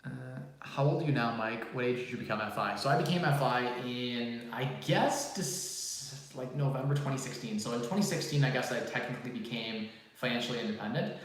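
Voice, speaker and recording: A man in his twenties hosts a casual live-stream Q&A, answering viewer questions quickly with plenty of fillers in an ordinary middle-pitched voice. He's in a large, empty room that's his new home office, and his phone mic, about six feet away, picks up heavy echo off the bare walls.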